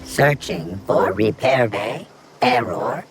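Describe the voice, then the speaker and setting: An actor voicing a calm, flat robot mechanic that speaks in a monotone computer voice with clipped announcements, in a video game. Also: male voice, mid-range voice, slow, slight background noise, natural voice. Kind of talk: video game character dialogue.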